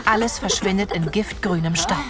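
A woman's voice: mid-range voice, moderate pace, loud music behind the voice. A woman reading scripted narration for a children's adventure story.

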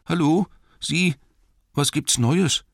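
A man's voice: very animated, normal speed, no room sound, clean studio sound. A man voicing a small, weary male hobbit, nervous but plucky, in a shaky, raised voice. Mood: calling out. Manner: shaky, higher put-on voice.

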